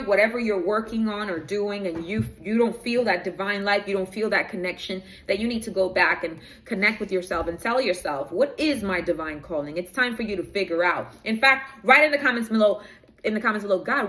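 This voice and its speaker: This spiritual reader has a mid-range, fairly bright voice with lively intonation and a brisk delivery, plus a little hiss or hum on the recording. She preaches straight to camera, wandering off track and losing her notes mid-talk.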